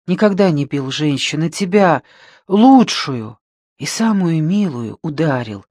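A troubled young man speaks hesitantly and remorsefully, as a male reader gives him a voice. The delivery is slow and subdued, recorded dry and close. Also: on the high side, animated, a little mellow, no echo.

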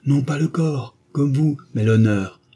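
Male narrator playing an imperious old-novel duchess: commanding, cold, solemn, pitched up. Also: measured pace, warm tone, husky. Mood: somber. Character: imperious cold-hearted noble duchess, woman. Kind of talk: audiobook character voice.

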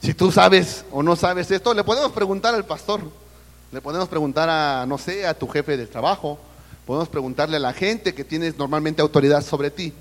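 High-voiced Mexican preacher in a reverberant hall. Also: male voice, normal speed. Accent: Mexican Spanish. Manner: addresses listeners as brother, asks the congregation questions. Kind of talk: sermon. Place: church service.

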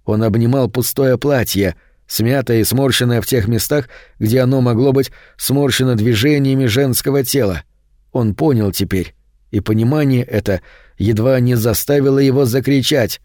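A man narrating a horror audiobook in a steady, measured way. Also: medium pitch, no echo, studio quality. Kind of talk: scripted narration.

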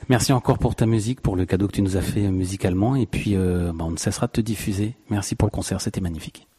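A man's voice: lowish voice, fast talker, warm tone, slightly rough. A man interviewing a musician, asking questions in a friendly, familiar way.

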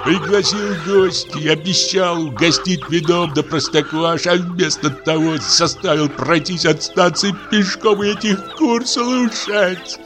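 A man's voice: high voice, unhurried, few pauses, music in the background. A man voicing a weary, thirsty, indignant man who grumbles in an audiobook. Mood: grumbling. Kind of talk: audiobook character voice.

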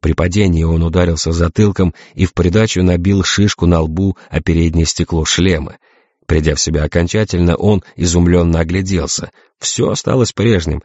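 A man reads a science-fiction story aloud in a measured, even manner. His voice is very low and deep. The recording is dry and close, with a slightly muffled, lo-fi sound. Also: no echo. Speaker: narrator. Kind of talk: audiobook narration.

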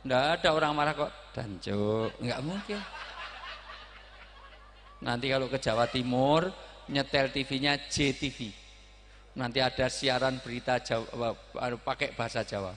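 A man giving a humorous sermon, joking and bursting into sudden loud outbursts. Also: medium pitch, steady tone, moderate pace, long pauses, in a large hall, a little hiss or hum. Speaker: preacher.

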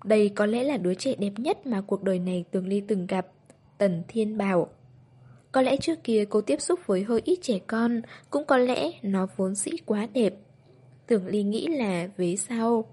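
A woman narrating a novel as an audiobook in a steady, even reading voice. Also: mid-range voice, moderate pace, husky.

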